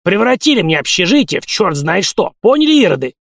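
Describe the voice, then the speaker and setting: A man voicing an irascible old male dormitory warden with a high, reedy old man's tenor, yelling and cursing. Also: very animated, a little fast, creaky, dry recording, clean studio sound, exaggerated voice. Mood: shouting angrily.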